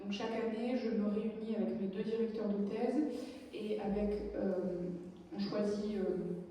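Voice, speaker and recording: A woman's voice: medium pitch, steady tone, unhurried, warm tone, a little hiss or hum. A young French woman, a doctoral researcher, giving an academic lecture from notes, often breaking off with fillers and self-corrections. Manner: reads a prepared text, then digresses with many fillers and self-corrections. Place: lecture hall. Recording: distant, echoey lecture hall recording.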